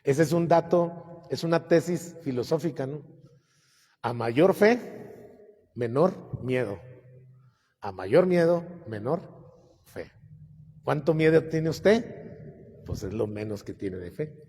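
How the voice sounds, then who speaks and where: An older priest preaches a relaxed, joking homily, slipping into the voices of the people in his stories. His voice sits a little high for a man but sounds mellow and husky. It carries a long reverb, as if recorded in a large hall. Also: slow, long pauses. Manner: folksy, humorous storytelling with asides and acted quotes. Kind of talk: homily retelling gospel stories.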